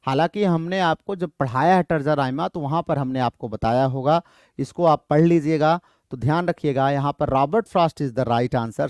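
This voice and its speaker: A male literature teacher giving an exam-prep lecture. He keeps asking his students questions and then answers them himself, reads the English options slowly, then explains them quickly. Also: on the high side, a little mellow, no echo, studio quality.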